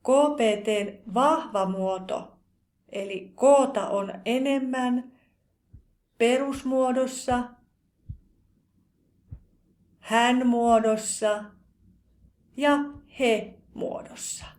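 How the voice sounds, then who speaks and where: During a scripted grammar drill, a female language teacher slowly and carefully pronounces verb forms one at a time. Her voice is fairly high in pitch with a darkish tone.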